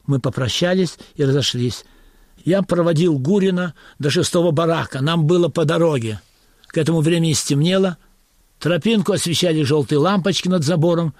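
A man narrating a story in a wry, even manner, as an audiobook reading. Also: fairly high pitch, dry recording, studio quality.

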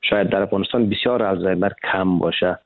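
Low-voiced Afghan doctor over the phone. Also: male voice, dry recording. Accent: Afghan Dari. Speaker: doctor guest. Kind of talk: medical advice on radio. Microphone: telephone. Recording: tinny phone line.

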